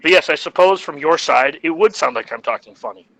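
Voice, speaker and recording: A man's voice: a little high, lively intonation, a little fast, vocal fry, a bit bright, no room sound, low-quality recording. A man co-hosting a podcast in casual chat, rambling and jokey. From United States. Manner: rambling and jokey, laughs at his own jokes. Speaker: podcast co-host.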